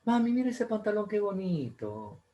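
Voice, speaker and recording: Man playing a little girl begging for new pants: sweet, drawn-out and wheedling. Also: high voice, sing-song, dark tone, pitched above the performer's own voice. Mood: coaxing. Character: pleading young girl asking for a gift.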